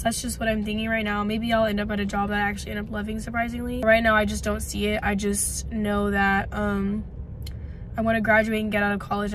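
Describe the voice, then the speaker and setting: Sitting in a parked car, a woman in her twenties vlogs into a phone camera at arm's length, chatty and rambling with plenty of "likes." She's congested and partly losing her voice, which sits mid-range, with a little hiss or hum in the audio.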